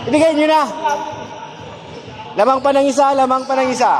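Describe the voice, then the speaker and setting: A man filming a basketball game on a handheld camera and calling the plays in a casual way, often shouting with excitement. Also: extremely high pitch, a little fast, a little hiss or hum. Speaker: cameraman doing play-by-play. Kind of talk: casual play-by-play commentary. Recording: music playing under voice.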